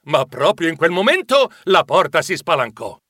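A man narrating a storybook audiobook in an expressive way. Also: on the high side, normal speed, background noise. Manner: expressive, flustered character voices.

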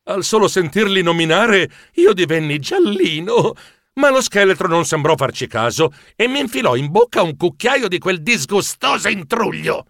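A man's voice: sits high, sing-song, normal speed, a bit bright, no echo, clean studio sound. A man narrating a children's story in a playful, theatrical way. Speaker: audiobook narrator.

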